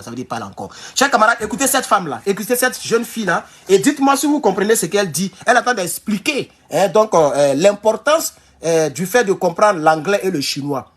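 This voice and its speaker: A man from Burkina Faso with a Burkinabè French accent, giving an animated political commentary vlog and exhorting his listeners as comrades. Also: on the high side, husky.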